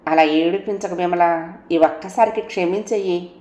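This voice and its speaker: A woman voicing a remorseful young husband who slowly begs his wife to forgive him. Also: lowish voice, fairly even intonation, mellow, echoey room, close to an everyday voice. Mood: pleading.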